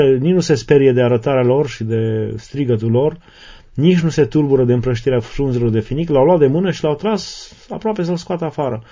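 A man gives a sermon in a mellow, dark voice. He moves from reading to unhurried explanation, pausing and restarting as he goes. The recording sounds dull and lo-fi. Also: mid-range voice. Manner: reads a passage, then retells and explains it with fillers and restarts. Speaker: Orthodox preacher. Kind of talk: sermon reading and explaining desert fathers' sayings.

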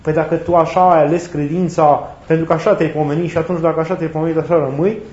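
A man preaching a sermon in a reflective way, often repeating and rephrasing his points, with touches of gentle humor. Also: a little high, steady tone, a little hiss or hum. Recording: roomy, slightly dull recording with faint ambience.

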